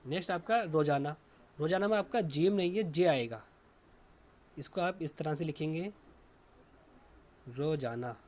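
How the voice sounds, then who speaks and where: A man teaching a children's language lesson, dictating words slowly and repeating them as he writes them out. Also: on the high side. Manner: slow, repetitive dictation.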